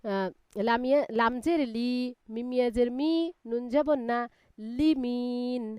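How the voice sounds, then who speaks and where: A woman's voice: on the high side, fairly even intonation, a little slow, darkish tone, smooth, no room sound, clean studio sound. A woman teaching a live Quran reading class, spelling out letters one by one and patiently explaining the reading rules.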